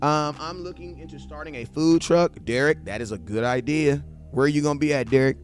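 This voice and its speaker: Brisk and fairly high-pitched, a man in his 40s speaks over soft background music. He hosts a sports fan live stream, reading out viewer comments in casual, slangy chat, addressing viewers head-on and repeating things for emphasis.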